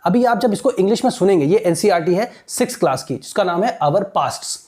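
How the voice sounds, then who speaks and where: A woman teaching an exam-prep lesson. She reads English lines slowly and explains them quickly, often asking rhetorical questions. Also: mid-range voice, animated, dark tone. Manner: asks rhetorical questions, checks in with listeners.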